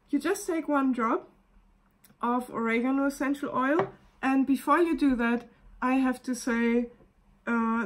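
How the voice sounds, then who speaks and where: A woman with a German accent, a wellness coach gently talking through a casual live video demonstration and often pausing to search for words. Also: a little high.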